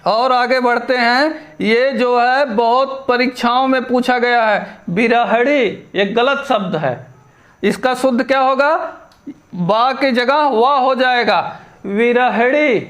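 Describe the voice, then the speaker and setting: Male grammar teacher, exam-prep lesson, slow deliberate delivery, repeats each word. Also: very high voice, fairly bright tone. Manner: poses quiz questions, then answers them himself.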